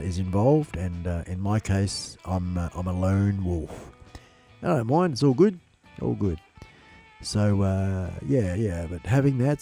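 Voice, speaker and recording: A man with a lowish, dark voice hosts a casual livestream, sounding a bit nasal from a blocked nose. He rambles in an upbeat, loose, repetitive way while faint music plays in the background.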